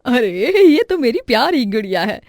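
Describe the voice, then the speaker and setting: A gentle, cheerful old grandmother, as a woman voices her for a cartoon. She talks slowly and affectionately, with a slightly raised pitch. The sound is dry and close. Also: sing-song, dry recording. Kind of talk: cartoon voice acting.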